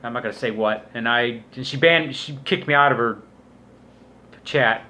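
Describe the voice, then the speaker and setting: A man's voice: medium pitch, normal speed, bright, forceful tone. A man giving a casual, rambling commentary rant as a vlogger, in a crude, scornful, swearing manner. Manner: crude, profanity-laden, scornful. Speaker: YouTube vlogger.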